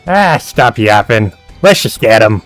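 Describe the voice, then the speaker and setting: A man's voice: fairly low pitch, very animated, measured pace, fairly bright tone, no room sound, soft background music. A man voicing a greedy, mocking bandit who wants the travelers' treasure. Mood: sly.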